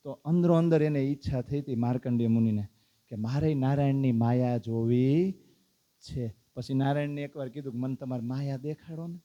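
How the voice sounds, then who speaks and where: A man's voice: medium pitch, normal speed, lo-fi sound. Man telling a devotional story. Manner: animated storyteller, asks listeners questions. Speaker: spiritual teacher.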